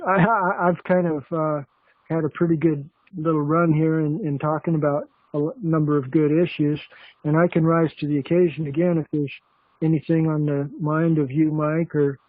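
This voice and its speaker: Male host on a phone call, halting and filler-heavy, slightly high voice, dry tinny line. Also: level tone, dry recording. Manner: halting, many fillers and restarts. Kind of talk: casual chat. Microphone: telephone.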